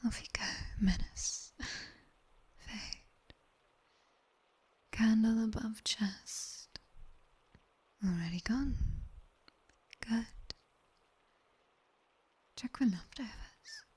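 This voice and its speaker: In an ASMR roleplay that doubles as a guided sleep session, a British woman voices a sharp-tongued nightmare demoness tutor. She whispers breathily right up against a close binaural microphone, her pitch on the high side and husky, and the performance is heavily acted. Her instructions come slowly and clipped, carrying teasing authority, while her praise stays dry and teasing.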